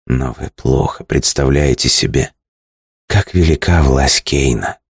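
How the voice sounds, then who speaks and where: A man voicing a hushed, bitter captive woman. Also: fairly even intonation, a little slow, dry recording, clean studio sound. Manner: low hushed chest voice.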